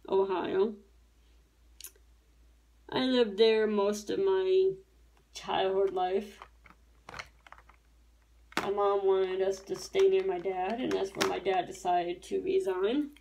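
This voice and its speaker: A woman from Tennessee in her thirties, with a medium-pitched and slightly mellow voice, chats while working on diamond painting for YouTube at her indoor craft table. She's talkative and meandering, often correcting herself.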